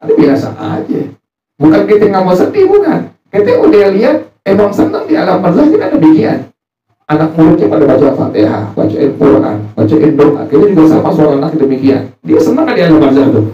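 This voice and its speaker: Joking preacher in an echoey hall. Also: male voice, on the high side, sing-song, a little fast. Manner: jokey, asks the audience questions and answers himself. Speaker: religious teacher. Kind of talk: informal religious study sermon. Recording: roomy, distant, muffled, faint music.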